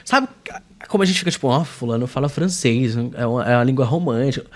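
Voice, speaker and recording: A man from Brazil teaching a casual video lesson, informal and slangy, with emphatic, swinging delivery and lots of filler tags. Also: quick pace. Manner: emphatic, lively pitch swings. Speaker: English teacher.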